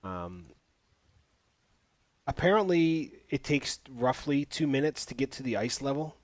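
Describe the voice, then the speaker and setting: A man's voice: medium pitch, big pitch swings, measured pace, dry recording. A man hosting a casual podcast, recapping a movie's plot with sarcastic asides. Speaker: podcast host. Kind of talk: casual movie review chat.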